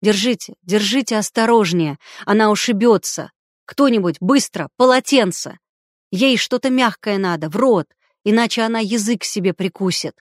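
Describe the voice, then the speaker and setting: A woman's voice: medium pitch, moderate pace, no echo, lightly acted. Brief: woman voicing an angry commanding man, barked orders, dry audiobook mic. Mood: urgent.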